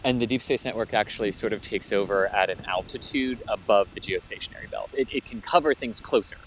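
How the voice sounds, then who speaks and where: A man co-hosting with casual, informative explanations in a somewhat halting delivery. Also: on the low side, a little hiss or hum, poor audio. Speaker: co-host explainer.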